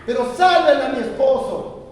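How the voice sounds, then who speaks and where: A man acting out a desperate young mother begging a doctor, his voice pushed high and loud, recorded far off in an echoey hall. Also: expressive, moderate pace, slight background noise. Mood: pleading. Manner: pleading, raised high and loud. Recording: echoey hall, distant mic.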